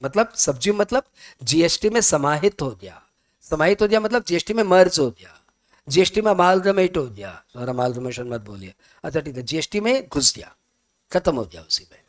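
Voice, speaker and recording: A fairly high-voiced man gives a tax lecture. He talks in a loose, chatty way, keeps checking whether his students follow, and acts out their questions himself. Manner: chatty, mixes Hindi and English, asks students questions. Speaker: tax teacher. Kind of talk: classroom lecture.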